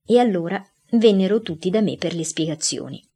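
A woman's voice: on the low side, expressive, a little fast, dark tone, breathy edge. Woman reading a diary story aloud. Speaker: narrator.

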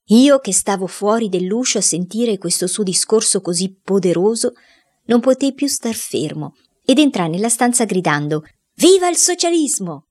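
A woman narrating a children's novel in the first person, reading in a lively, expressive way. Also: mid-range voice, normal speed, breathy edge. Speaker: audiobook reader.

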